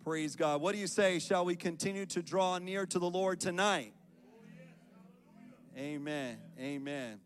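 A man's voice: high voice, a little slow, faint music behind. A man giving an earnest sermon as guest preacher at a church service, reading scripture and building into prayer.

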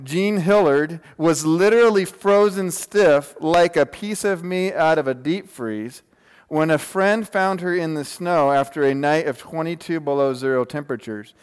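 A man around his forties, with a fairly high and smooth voice, preaches a casual sermon to a congregation in a large room. He is informal and joking, checking in with rhetorical questions. Long hall reverb fills the recording.

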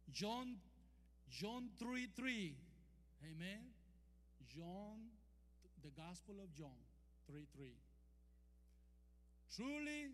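A high, fairly bright male voice with a Costa Rican Spanish accent delivers a sermon, with the Costa Rican preacher calling for amens from the congregation. Call-and-response lines and drawn-out, emphatic scripture quotes shape his delivery. The church hall setting gives long reverb, and there's a faint hum.

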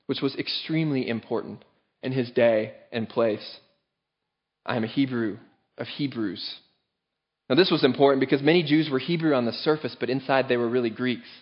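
In a church sermon, an earnest male pastor drives his points home with firm emphasis, his voice at a middle pitch for a man. The recording is a little dull and lo-fi.

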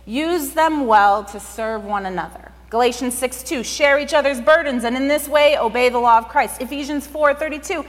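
A woman's voice: high voice, normal speed, few pauses. A woman pastor giving a sermon in a conversational way, often saying "like". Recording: long hall reverb.

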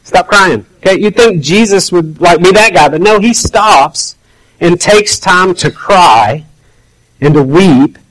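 Pastor guy preaching, talks like he's chatting, does little voices, voice a bit on the high side. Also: expressive, takes it slowly, fairly bright tone, poor audio. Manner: conversational, acts out quoted voices. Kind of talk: sermon.

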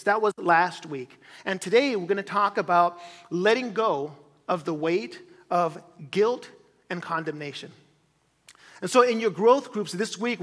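A man's voice: high voice, fairly bright tone. A man preaching a sermon as pastor, talking to his congregation in a conversational way with frequent restarts and asides. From grew up in Chile as a missionary kid. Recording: church hall reverb.

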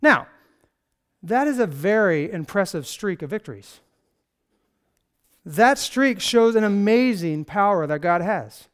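A man's voice: high-pitched, animated, a little slow, pauses often. A man preaching a casual sermon, telling a Bible story with sarcastic, conversational asides and acted quotes. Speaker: pastor.

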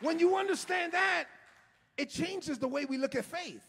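A middle-aged man preaching an impassioned sermon as a pastor, often shouting and stretching his words, recorded in a church sanctuary. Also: extremely high pitch, normal speed, vocal fry, some chatter behind. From United States. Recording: long hall reverb.

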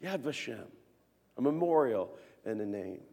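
A man in his thirties preaching a sermon as pastor, earnest, moving between hushed tones and emphatic peaks. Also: medium pitch, animated, a little slow. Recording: long reverb of a church hall.

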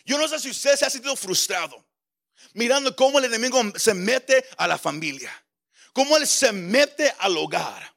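A man's voice: extremely high pitch, lively intonation, moderate pace, vocal fry, a bit bright. A male pastor preaching a sermon with impassioned delivery, often stammering over repeated words.

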